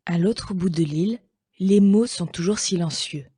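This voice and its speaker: A woman reading a children's story aloud slowly and gently, with clear pacing. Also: fairly low pitch, no room sound, clean studio sound.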